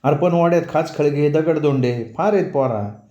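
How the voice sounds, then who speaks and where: A man's voice: a little high, moderate pace, warm tone, natural voice. A man voicing an elderly village woman, a mother who talks in rustic, scolding but fond village speech. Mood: fretful. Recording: dull, roomy recording.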